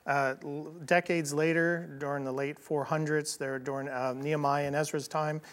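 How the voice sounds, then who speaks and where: Co-hosting a Bible prophecy TV show, this man speaks at a moderate pace with a fairly high pitch. His teaching is conversational and animated, and he casually takes on the voices of people he quotes.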